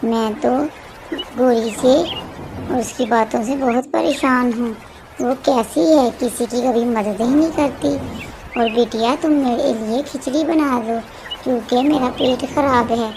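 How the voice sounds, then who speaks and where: A sickly old cartoon auntie, voiced by a woman, high-pitched and complaining, kind at heart but quick to scold. A noisy hiss sits under the voice. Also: steady tone, close to an everyday voice. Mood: weary.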